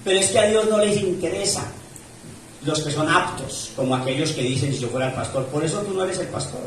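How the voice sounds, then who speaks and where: A man's voice: a little high, fairly quick, noisy background. A man preaching a sermon as a pastor, his emphasis rising and falling as he reads scripture aloud. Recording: echoey church room from far off.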